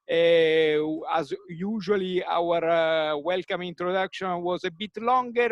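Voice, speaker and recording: A man's voice: sits high, no room sound. Male moderator on a video call, filler-heavy, dry sound. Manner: repetitive, many fillers and restarts. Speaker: workshop moderator. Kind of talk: online meeting facilitation.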